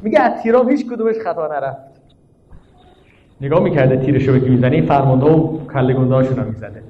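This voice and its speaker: Impassioned preacher in a roomy recording. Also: male voice, fairly high pitch. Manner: impassioned storytelling, swinging between loud cries and hushed prayer. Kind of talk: mourning sermon with chanted recitation. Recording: echoey, dull lo-fi room recording.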